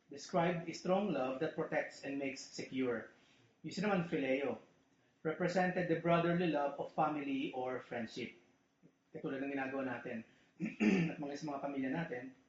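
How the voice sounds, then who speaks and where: A man preaching a casual, joking sermon in a church, often asking his listeners "di ba?". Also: a little high. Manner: chatty, joking, asks "di ba?" often. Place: church hall. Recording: echoey, muffled church recording.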